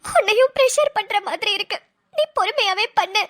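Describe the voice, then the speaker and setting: A woman's voice: extremely high pitch, lively intonation, normal speed, fairly bright tone. A woman voicing an emotional young woman who longs for her lost brother, speaking earnestly and pleadingly in a cartoon. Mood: tearful. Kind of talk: cartoon voice acting.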